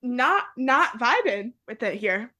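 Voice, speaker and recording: A woman's voice: on the high side, sing-song, slow, sharp tone. A young woman hosting a podcast, chatting casually with a friend, laughing often and saying "like" a lot. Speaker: podcast host. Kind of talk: casual chat.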